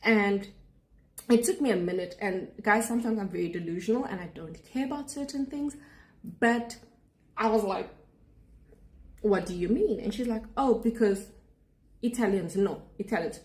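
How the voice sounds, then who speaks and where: Speaking at a moderate pace with frequent pauses, this young woman has a medium pitch and a darkish tone. She's a South African student abroad with a matching accent, venting sarcastically and indignantly in a vlog aimed right at her viewers.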